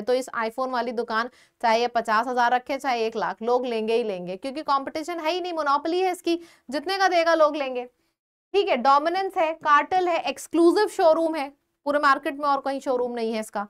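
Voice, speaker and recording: A woman with an Indian accent teaching an exam-prep vocabulary lesson, explaining slowly, repeating words and quizzing her viewers. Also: high-pitched.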